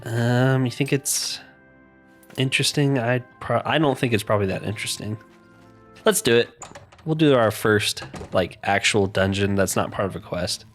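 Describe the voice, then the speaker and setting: A congested man with a mid-range voice offers casual let's-play commentary while playing a video game, with soft music in the background. He's easygoing and chatty, laughing quickly and often.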